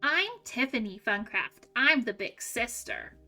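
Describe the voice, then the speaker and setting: A woman's voice: on the high side, animated, a little slow, sharp tone, soft background music, exaggerated voice. A woman voicing a proud, prim big sister doll who speaks matter-of-factly in a storybook.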